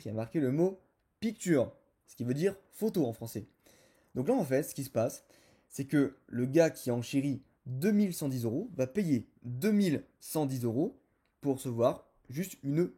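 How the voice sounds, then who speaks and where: A man hosting his own video channel, talking straight to his viewers in a chatty, filler-laden way. His voice is husky and mellow, with a dark, soft tone. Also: mid-range voice. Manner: chatty, addresses viewers directly, frequent fillers. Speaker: YouTube host. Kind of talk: casual explainer video.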